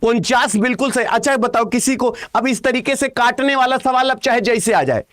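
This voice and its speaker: A man teaching an exam-prep reasoning lesson, talking loudly and emphatically and firing rhetorical questions at his students. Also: extremely high pitch, moderate pace.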